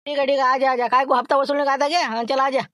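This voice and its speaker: A man voicing a blustering, brash male dhaba owner who makes loud threats. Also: very high voice, flat delivery, fast, no echo, clean studio sound, voice pushed up. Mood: challenging.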